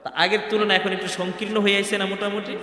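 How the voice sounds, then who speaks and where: A man's voice: high-pitched, little pitch movement, quick pace, sharp tone. A man gives a sermon in a mosque hall, telling a story in vivid voices and chanting scripture in between. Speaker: preacher.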